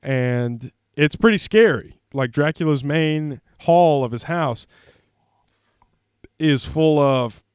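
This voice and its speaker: Smooth, dry-voiced rambling movie guy. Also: fairly high pitch, takes it slowly, no room sound. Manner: rambling, filler-heavy, jokey. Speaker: host. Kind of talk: casual movie commentary.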